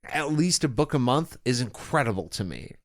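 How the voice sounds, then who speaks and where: A man's voice: mid-range voice, moderate pace, no echo, clean studio sound. A young man co-hosting a podcast, chatting casually, laughing often and reading out a listener email. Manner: laughing, animated storyteller. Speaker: podcast co-host.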